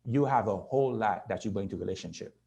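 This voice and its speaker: A man's voice: lowish voice, fast, gravelly, darkish tone, muffled recording. Earnest man in his sixties presenting. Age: 60s. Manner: earnest, repeats "right?" to the audience. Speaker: conference speaker. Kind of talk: motivational presentation.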